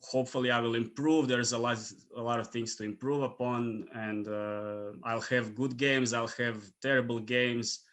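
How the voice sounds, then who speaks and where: Non-native English speaker from Croatia, casual podcast guest; bright, forceful tone with a mid pitch, relaxed and filler-heavy. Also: male voice, moderate pace, few pauses. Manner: relaxed, many fillers, trailing off quietly. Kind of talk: casual interview chat.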